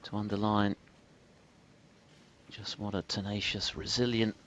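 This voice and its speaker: A man giving measured, hushed television snooker commentary, dropping in statistics. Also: lowish voice, level tone, slight background noise. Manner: measured, statistic-laden delivery. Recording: crowd and hall ambience behind. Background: snooker audience ambience.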